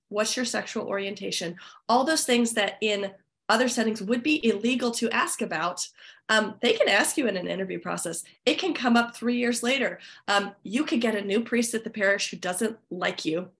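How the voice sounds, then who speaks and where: A woman who is an author and church musician, giving thoughtful podcast interview answers that pause often with fillers and restarts. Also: mid-range voice, gravelly, a bit bright.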